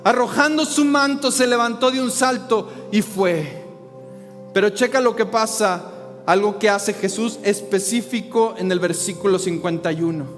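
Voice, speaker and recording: A man preaching a sermon as pastor, impassioned and rising to shouts when he pleads, with frequent rhetorical questions to the congregation. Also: sits high, moderate pace. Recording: reverberant hall with faint music.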